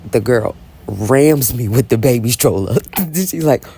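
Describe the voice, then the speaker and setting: A chatty, blunt woman tells a story in a casual vlog. Her voice swings widely in pitch and carries a gravelly fry. A faint hiss of noise sits behind her. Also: unhurried. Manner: chatty, animated, constantly asks "right?"; blunt and unapologetic. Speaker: Bible reading vlogger.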